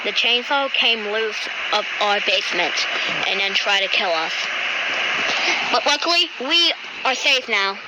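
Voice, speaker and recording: A woman voicing a solemn reality-show announcer, speaking in a grave, lowered tone. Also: measured pace, heavy background noise, natural voice.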